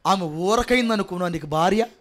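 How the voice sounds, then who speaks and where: A male pastor with a coastal Andhra Telugu accent delivers a sermon in a very high, piercing voice. He drops to hushed pleading, then rises to loud shouts, and keeps putting questions to his listeners. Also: quick pace. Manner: swings between quiet pleading and loud shouting; repetitive, rhetorical questions to the congregation.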